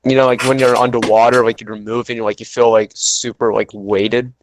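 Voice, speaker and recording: A man's voice: medium pitch, level tone, moderate pace, no echo, rough recording. Young guy rambling on a podcast, tons of "like", dead dry sound. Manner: rambling, heavy filler words. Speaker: podcast co-host. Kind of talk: casual chat.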